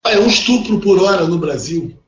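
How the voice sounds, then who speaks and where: A middle-aged law professor with a Brazilian Portuguese accent speaks in a high-pitched, brisk voice from a distant mic during a recorded online class. He's blunt and animated in this conversational lecture, acting out the people he quotes. The call audio is dull and echoey, with faint noise.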